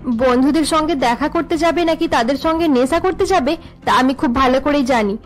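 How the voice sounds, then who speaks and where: A woman voicing a tired working wife in a cartoon, sharp and pleading with her drunk husband. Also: high voice, fairly quick, faint music behind, close to an everyday voice. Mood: exasperated.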